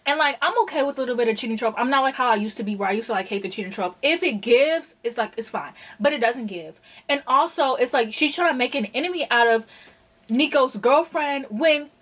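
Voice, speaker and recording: A woman with a fairly high voice reviews a book in a casual vlog. She rambles in a chatty, exasperated way, filling her sentences with "like". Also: expressive, brisk, fairly bright tone, low-quality recording. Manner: chatty, exasperated, heavy use of filler "like". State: out of breath. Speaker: book vlogger.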